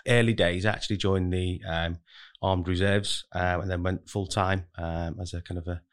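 A man's voice: sits low, steady tone, normal speed, smooth. A man speaking casually as a podcast guest, rambling and hedging as he explains himself. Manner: rambling, heavily hedged with kind of and really. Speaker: podcast guest, recruitment manager. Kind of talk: casual interview talk.

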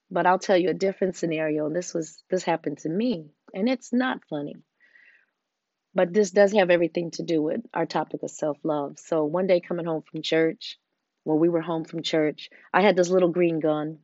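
A woman giving an earnest, encouraging motivational talk, often dropping into hushed tones. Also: lowish voice, dry recording, dull audio. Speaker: host.

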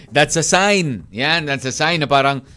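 A man's voice: a little high, animated, a little slow, sharp tone. A man with a Filipino accent hosting a radio show, reading listener texts aloud in casual joking banter. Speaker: radio DJ host.

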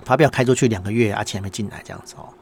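A man's voice: on the low side, rapid-fire, gravelly, a little hiss or hum. A middle-aged man with a Taiwanese Mandarin accent, hosting a casual monologue and telling an exasperated story while acting out the dialogue. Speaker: podcast host, small business owner.

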